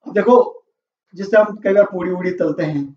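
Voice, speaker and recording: In a brisk, high voice with a dark tone, a man teaching English takes his class through vocabulary, asking questions and repeating the responses. It's captured as roomy, far-off, muffled classroom sound.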